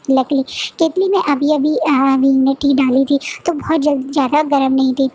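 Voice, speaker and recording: A woman narrates a story in a loose, conversational way, with frequent fillers and restarted phrases. Her voice is high and light. She tells it like a friend recapping a plot rather than reading from a script. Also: a little mellow, no room sound. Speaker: fanfiction narrator.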